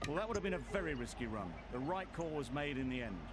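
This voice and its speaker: Cricket game co-commentator, analytical, higher voice, draws it out slowly, loud noise all over. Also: male voice, expressive. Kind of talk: scripted sports analysis. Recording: very noisy game audio under stream.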